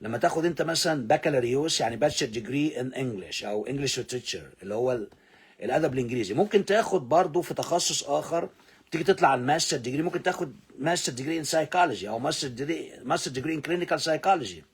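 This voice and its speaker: A man with an Egyptian Arabic accent teaching English, repeating words slowly for pronunciation drills and swinging between loud emphasis and low asides. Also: expressive, slightly rough. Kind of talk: English lesson explained in Arabic.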